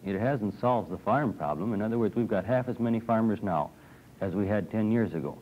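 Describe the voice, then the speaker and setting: Young man, low-ish voice, earnest panelist; dull 1960s studio film audio. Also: fairly quick, slight background noise. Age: young adult. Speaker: farm organization member. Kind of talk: TV panel discussion. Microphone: desk microphone.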